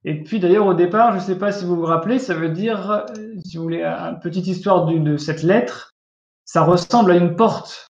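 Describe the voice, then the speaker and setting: A man's voice: sits high, normal speed. A man teaching a language class online over a video call, explaining patiently, repeating himself and often checking that students follow. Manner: patient, repetitive, often checks understanding with asides. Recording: echoey room, dull lo-fi sound.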